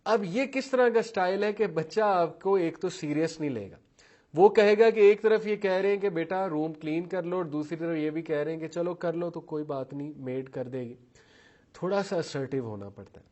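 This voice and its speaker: Here a man lectures on parenting styles in a slightly high, darkish voice, and the recording sounds muffled. Going through the traits one by one with English terms sprinkled in, he voices the lines of parents and children as he tells his examples.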